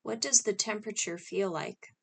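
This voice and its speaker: A scripted guided meditation is led by a woman whose mid-range voice sounds creaky and moves at normal speed. She speaks calmly and instructively, in short phrases set apart by pauses.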